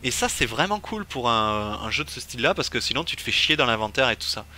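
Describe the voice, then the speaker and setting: A man's voice: medium pitch, big pitch swings, quick pace, pushed and bright, slight background noise. A man streaming a game, commenting casually and thinking aloud with many fillers. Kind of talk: casual let's-play commentary.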